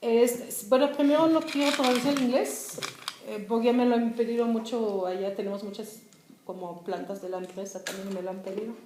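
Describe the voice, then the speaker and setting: A woman's voice: a little high, fairly even intonation, brisk, warm tone, slight background noise. A young German-born woman, a writer with German as her first language, chatting and laughing as she tells stories at a public discussion. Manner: chatty, laughing storyteller with many fillers. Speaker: author guest. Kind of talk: casual talk at a public discussion. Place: room at a public gathering. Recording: roomy echoey venue.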